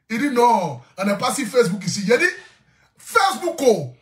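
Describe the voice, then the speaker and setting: A man's voice: very high-pitched, normal speed, echoey room. A man telling a story to camera, laughing often and repeating lines for effect. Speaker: social media influencer.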